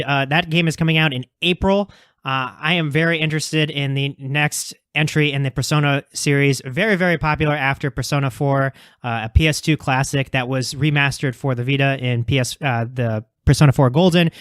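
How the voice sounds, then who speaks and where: Male podcast co-host, casual and eager, clean resonant tone, slightly high, dry close mic. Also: a bit bright, clear, resonant tone, no room sound. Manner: enthusiastic, many fillers and restarts.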